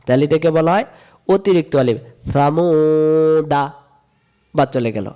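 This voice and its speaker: A Quran reading teacher from Bangladesh leads a patient, step-by-step recitation lesson. He chants each rule in a sing-song way and stretches syllables slowly so learners can follow. His voice sits a little high, with lively intonation and a dark tone.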